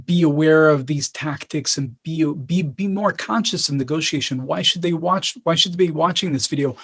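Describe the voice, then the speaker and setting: A middle-aged man from Israel hosting a casual interview, quick to jump in and restarting his questions as he goes. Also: a little high, slightly rough. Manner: lively, repeats and restarts words when asking questions. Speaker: host.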